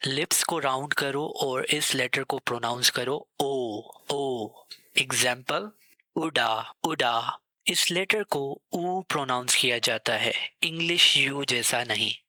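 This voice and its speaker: A man teaching a beginner lesson, saying each word slowly and repeating it twice. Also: mid-range voice, sharp tone, no room sound, low-quality recording. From South Asia. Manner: slow, clear, drills each sound twice. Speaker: language teacher.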